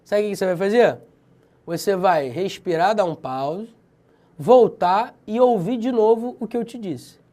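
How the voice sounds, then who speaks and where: A man with a Brazilian Portuguese accent teaches grammar in a video lesson, his voice sitting high and unhurried. He's lively and slangy, drilling example words with plenty of emphasis.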